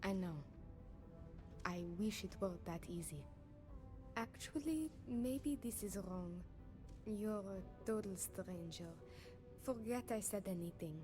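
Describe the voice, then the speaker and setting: A woman's voice: medium pitch, expressive, takes it slowly, pauses often. An actress playing a sickly, guarded young runaway woman from a space colony in video game dialogue. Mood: wary. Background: loud background music.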